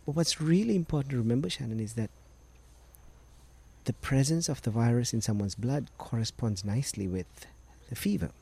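A man's voice: medium pitch, normal speed, creaky, dark tone, slightly rough. A middle-aged man from Sri Lanka, a doctor patiently explaining medical matters as a guest on a podcast interview.

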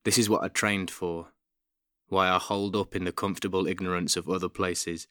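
Crisp, bright male poet, soft East Midlands accent. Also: deep voice, flat delivery, fairly quick, no room sound, studio quality. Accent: softened East Midlands English. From Nottingham, England. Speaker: poet and actor. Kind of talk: spoken-word poetry reading. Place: housemates' bedroom, quiet indoors.

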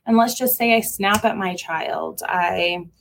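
A woman speaking as a parenting educator in a relaxed, conversational way. Her talk is informal, with frequent ums and restarts. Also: mid-range voice, a little slow, a little hiss or hum.

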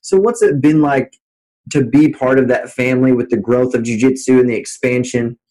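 A man's voice: medium pitch, normal speed, mellow, low-quality recording. A man hosting an interview, asking loose, meandering questions with lots of fillers. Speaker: interviewer, host.

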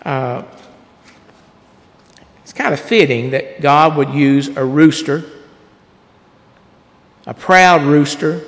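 A man preaching a sermon to a congregation in a folksy, rambling way and reading scripture aloud, his voice hoarse. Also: on the high side, fairly bright tone, in a large hall. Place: church before a congregation.

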